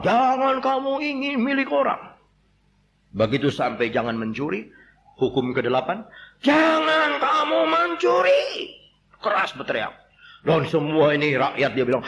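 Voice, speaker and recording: Male preacher, sermon, high voice, swooping pitch, humorous, faint background noise. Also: muffled recording. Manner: animated, shouting quoted lines, humorous asides. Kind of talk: sermon with storytelling.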